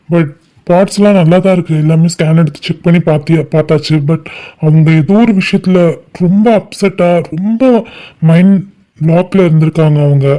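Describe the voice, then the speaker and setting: A woman's voice: low voice, dark tone, lightly acted. A woman voicing a male hospital doctor in a cartoon drama, explaining the situation steadily and patiently.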